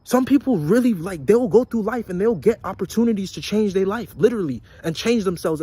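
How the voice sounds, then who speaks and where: A young man with a high, husky voice delivers a casual motivational rant straight to his viewers. He talks bluntly and profanely, hammering the same points over and over like a street preacher. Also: mellow. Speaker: vlogger.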